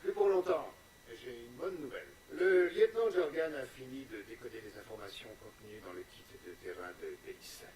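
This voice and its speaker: Game military commander, male actor: assured, formal, varied pitch, slightly distant. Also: lively intonation, fairly quick, a little mellow, lightly acted. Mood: assured briefing. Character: composed male military commander briefing his soldier. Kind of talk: video game voice acting. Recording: echoey room, slightly distant.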